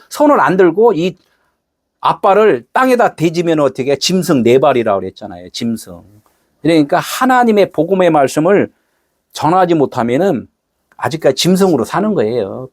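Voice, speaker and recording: A man's voice: fairly high pitch, very animated, brisk, no room sound, clean studio sound. A middle-aged man preaching a sermon in a casual, conversational way, acting out short quoted exchanges. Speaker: pastor.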